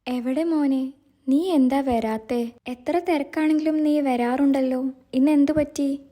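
A woman's voice: high voice, fairly even intonation, a little slow, mellow. A woman voicing a caring middle-aged mother who worries tenderly about her son. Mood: fretful. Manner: fretful, tender.

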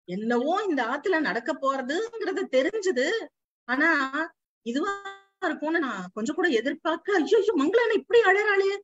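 A worried male dog recounts the family's turmoil in a high, fretful voice, as a woman storyteller puts him on. He keeps crying out in alarm, speaking in the homely speech of a traditional household. The recording is slightly dull and lo-fi. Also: fairly bright tone, no echo, heavily acted. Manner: fretful exclamations, Brahmin Tamil household speech. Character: male household dog narrating, anxious and watchful.

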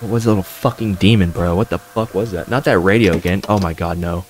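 A man's voice: deep voice, quick pace, faint music behind. A man streaming a horror game with scared, jittery reactions, repeating himself and speaking in profane, slangy commentary.

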